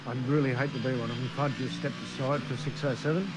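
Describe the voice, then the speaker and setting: A man's voice: mid-range voice, fairly even intonation, fast, over loud music. A man calling a sim race in casual commentary, blunt and joking with his co-hosts. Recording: noisy stream audio.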